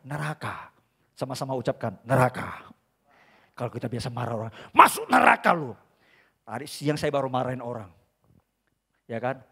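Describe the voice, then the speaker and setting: A male pastor preaching an emphatic sermon at a church service, swinging between loud bursts and quiet asides and calling out to the congregation often. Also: mid-range voice, vocal fry, husky. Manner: addresses the congregation again and again as brothers and sisters.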